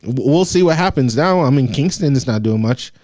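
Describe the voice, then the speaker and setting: A man's voice: mid-range voice, expressive, brisk, darkish tone. A man co-hosting a podcast in casual chat, blunt and joking, laughing often. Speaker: podcast co-host.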